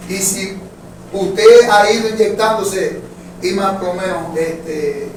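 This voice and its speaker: A man's voice: high-pitched, steady tone, slow pace. A man teaching a Bible class at church, talking conversationally to his listeners, calling them brothers and checking that they follow. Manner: conversational, addresses listeners as brothers, asks for agreement often. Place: church hall. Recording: very echoey hall, distant mic, faint noise.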